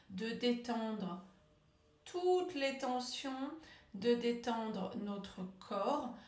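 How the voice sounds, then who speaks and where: Slow, calm woman coaching speech. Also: on the high side. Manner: slow, calm, drawn-out guiding delivery. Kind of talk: guided speech exercise lesson. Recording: echoey room, voice a bit off-mic.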